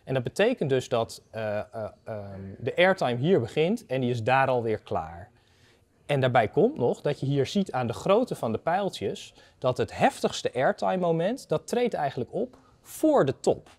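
A man in his thirties with a mid-pitched, highly animated voice. He explains technical data conversationally, building it up step by step in a didactic way. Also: measured pace. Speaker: expert guest, data analyst. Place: indoor garden atrium of a university building.

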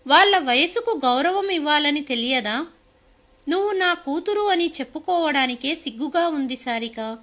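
A stern, reproachful old mother, as a woman narrator reads her, lecturing in a high, bright voice in an audiobook story. Her tone stays firm and disappointed throughout. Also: heavily acted.

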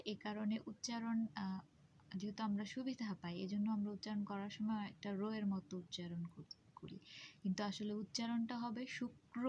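A woman teacher giving a pronunciation lesson, speaking slowly and carefully and spelling out sounds and syllables. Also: mid-range voice, a little mellow, a little hiss or hum.

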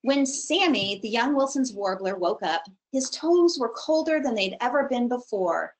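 A woman reading a children's picture book aloud for a storytime, with a lively, expressive delivery. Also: on the high side, normal speed, poor audio. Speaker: storytime reader.

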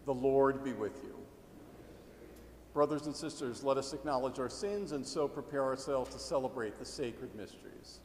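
Man priest leading mass, formal measured prayers, big cathedral echo, long reverb tail. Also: medium pitch, a little hiss or hum. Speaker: presiding priest. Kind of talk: leading a liturgy. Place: large church interior. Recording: echoey church hall, faint ambience.

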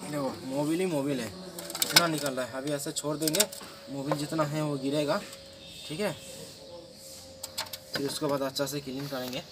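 Standing in an outdoor garage workshop, a young car mechanic with a Kolkata Hindi accent walks through a repair, repeating "dekho" and "theek hai" as he shows his work. His voice is fairly high and steady, at a moderate pace with frequent pauses. It's captured on a phone camera he holds while working, with garage noise in the phone audio.

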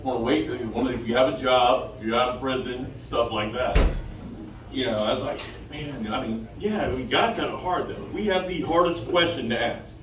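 A man's voice: mid-range voice, normal speed. A middle-aged man doing amateur stand-up at an open mic, hesitant and self-deprecating with nervous stage fright. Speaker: first-time stand-up comedian. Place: small indoor comedy club stage. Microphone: handheld stage mic, filmed from the back of the room. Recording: echoey club from far off, crowd noise. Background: audience chatter and laughter.

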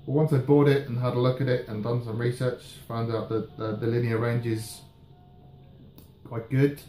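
A British man in his thirties chatting casually and haltingly in a relaxed, rambling review, often trailing off. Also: medium pitch. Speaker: pipe tobacco reviewer. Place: indoors, small room at home. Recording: roomy echo, faint background noise.

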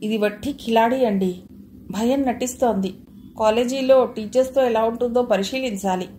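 Woman voicing a brisk caring elder sister. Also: on the high side, mellow, slight background noise, close to an everyday voice. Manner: brisk, scolding yet affectionate.

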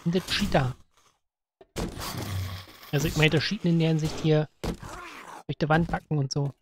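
A woman's voice: low-pitched, fairly even intonation, normal speed, noisy background. A woman giving chatty let's-play commentary, giggling, teasing the enemies and slipping into sing-song rhymes. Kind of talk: casual gameplay commentary.

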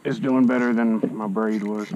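A man's voice: on the low side, fairly even intonation, moderate pace, dull audio, a crowd in the background. A man on a fishing boat, laid-back, giving short replies and laughing often. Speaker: angler. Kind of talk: casual fishing chat. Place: small boat offshore, outdoors.

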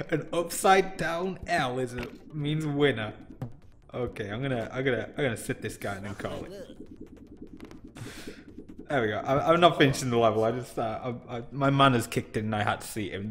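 A man casually commenting on indie games as he plays, in a chatty, rambling, self-deprecating way. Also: mid-range voice. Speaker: game showcase host. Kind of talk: casual let's-play commentary.

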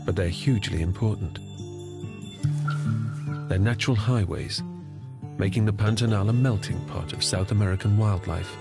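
Low-voiced man narrating a nature documentary. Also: normal speed, gravelly, long pauses. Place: studio voice-over. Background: background music.

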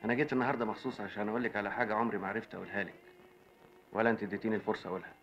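A devoted Egyptian lover, his voice very deep as he talks quickly and tenderly. The soundtrack is muffled, like an old film print. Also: fairly even intonation, fairly bright tone. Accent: Egyptian Arabic. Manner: low, tender. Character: young man, quietly devoted lover.

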